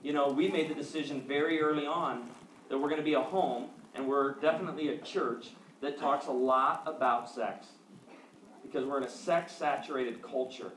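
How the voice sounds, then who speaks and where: A middle-aged male pastor preaching a sermon, telling personal stories with animated, acted-out quotes. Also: mid-range voice, normal speed. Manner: animated storytelling, acts out quotes. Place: church sanctuary. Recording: echoey hall, mic at a distance, audience noise.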